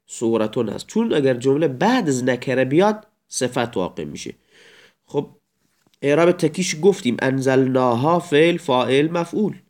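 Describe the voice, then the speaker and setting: A man with a slightly high voice gives a recorded grammar lecture. He explains each point step by step, lifting his voice whenever he recites an example sentence. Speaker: Arabic grammar teacher.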